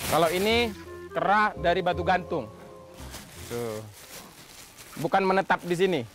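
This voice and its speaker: A man's voice: high-pitched, expressive, unhurried, music in the background. A man working as a wildlife park guide, casually explaining outdoors in a forest park and calling apes down from the trees. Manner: explains casually, then shouts loud calls to the apes.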